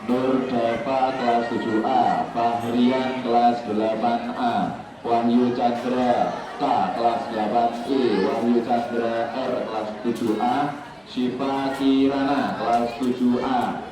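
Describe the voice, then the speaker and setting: A man making a formal announcement over a school loudspeaker, reading out students' names in an even, formal tone. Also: mid-range voice, slow, a crowd in the background. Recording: echoey loudspeaker from far off, noisy.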